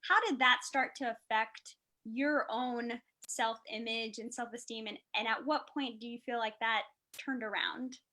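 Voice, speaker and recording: Middle-aged woman, higher pitch, dermatologist host, emotional storyteller who restarts sentences often. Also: fairly even intonation, unhurried, pushed and bright. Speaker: dermatologist hosting a panel. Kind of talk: conversational panel discussion.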